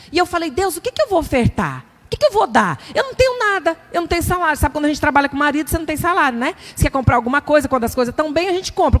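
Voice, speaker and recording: Middle-aged Brazilian woman preacher, high voice, lively testimony delivery, reverberant hall. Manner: animated, conversational storytelling, acts out inner voices. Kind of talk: testimony sermon.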